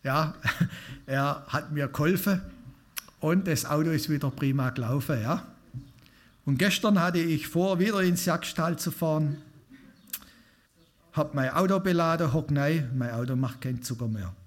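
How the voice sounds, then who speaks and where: This lay preacher's voice sits on the high side, and he speaks a little slowly, leaving long pauses. His sermon to the congregation is informal and conversational, with questions directed at those listening.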